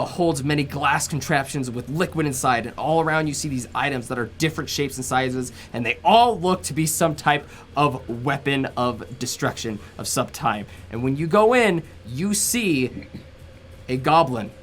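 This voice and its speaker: A man's voice: mid-range voice, animated, normal speed, a bit bright, a little hiss or hum. A man narrating a tabletop game as game master, rambling with many fillers.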